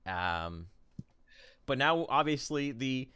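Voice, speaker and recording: A male esports caster calling a tournament draft live. He rambles through picks with many "uh"s and bursts of excitement, in an everyday mid-pitched voice. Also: takes it slowly, smooth. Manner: rambling, excitable play-by-play with fillers.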